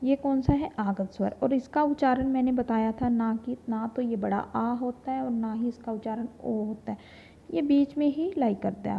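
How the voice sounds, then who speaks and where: A woman teaching a Hindi grammar lesson, slowly sounding out vowels and talking to her students as children. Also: a little high, gravelly, slightly rough. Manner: slow, drawn-out demonstration of vowel sounds, addresses students as children. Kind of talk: classroom lesson. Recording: dull lo-fi recording.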